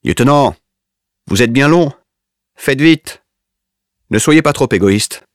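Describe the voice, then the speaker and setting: A man's voice: lowish voice, sing-song, normal speed, no echo, clean studio sound, voice pushed up. A man voicing a brutal, jeering male army lieutenant in a story reading, with a mocking, pushy manner. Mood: impatient.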